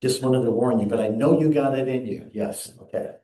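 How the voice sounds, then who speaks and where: Male minister preaching slow and earnest, mellow voice, roomy sanctuary sound. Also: mid-range voice. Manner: earnest, measured preaching with quoted readings. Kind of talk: sermon. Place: church sanctuary. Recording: echoey sanctuary.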